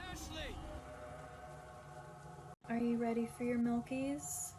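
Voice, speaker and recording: A woman voicing a creepy, teasing taunter in a low, hushed, creaky voice. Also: level tone, slow pace, background noise. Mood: taunting.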